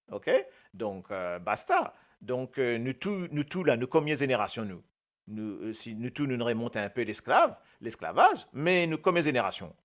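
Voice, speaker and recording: A man with a Mauritian accent giving a casual, animated language lesson, often repeating his words and joking. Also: medium pitch. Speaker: Creole language presenter.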